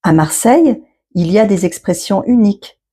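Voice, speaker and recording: A woman's voice: medium pitch, animated, moderate pace, dark tone, breathy edge. A woman hosting an educational podcast as a French teacher, reading scripted narration with didactic phrasing for learners.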